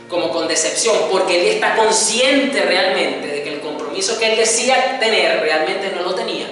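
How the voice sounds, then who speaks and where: Male preacher, bright-voiced, teaching sermon, distant mic in a reverberant hall. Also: high voice. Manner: teaching, explains Greek words, dramatizes quoted dialogue. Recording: echoey hall, voice from a distance, soft music.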